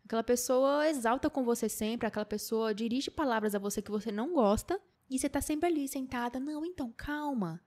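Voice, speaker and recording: A young adult woman hosting a podcast, telling stories in a casual, animated monologue and acting out quotes. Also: brisk, hardly any pauses. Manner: animated storytelling, acts out quotes with shrill high voice. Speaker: podcast host.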